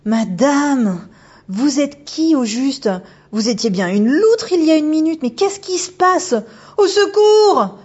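A woman voicing a panicky, excitable young schoolgirl in an audiobook, shrill and exclaiming. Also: slow, highs cut off. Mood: panicked. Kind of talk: audiobook character voice.

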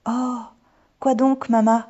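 A woman voicing an eager young girl on a trip abroad, speaking with bouncy, exclaiming excitement. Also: medium pitch, moderate pace, voice pushed up, close to an everyday voice. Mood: excited. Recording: dull lo-fi recording.

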